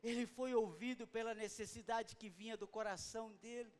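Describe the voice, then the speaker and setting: Man, sermon, very high pitch, hushed then fervent shouts. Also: steady tone, normal speed. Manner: swings from soft intimate talk to fervent shouting. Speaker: preacher.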